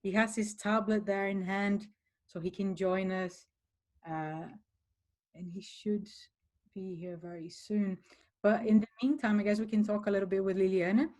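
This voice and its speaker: A woman hosting a casual video call with a coffee partner, talking in a friendly, brisk way. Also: medium pitch, steady tone, darkish tone. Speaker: host.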